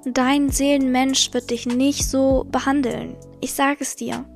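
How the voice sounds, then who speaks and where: A woman's voice: high voice, flat delivery, unhurried, faint music behind. A young woman hosting a podcast, candidly telling a personal story and giving blunt advice straight to her listeners. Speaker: podcast host.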